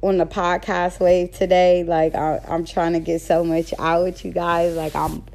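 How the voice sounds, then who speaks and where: A woman in her thirties hosts a solo podcast, speaking bluntly and candidly in a casual monologue and sometimes stumbling over words. Her lowish voice has vocal fry and a darkish tone, with little pitch movement and a measured pace.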